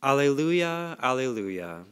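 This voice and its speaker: A male lector reads scripture and leads a psalm at an unhurried, solemn pace. His voice has a middling pitch for a man. A cathedral echo follows each phrase, a long reverb rolling through the large church. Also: big pitch swings, a bit bright. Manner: measured, solemn reading. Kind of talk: liturgical reading and psalm.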